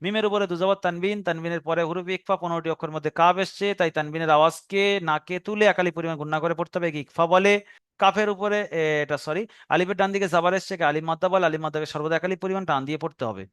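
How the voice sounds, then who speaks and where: With a Bengali accent and a high, smooth, clear, slightly bright voice, a man patiently guides listeners through a recorded Quran reading lesson, drawing out example words in slow recitation. His intonation stays fairly even, and the sound is close and dry.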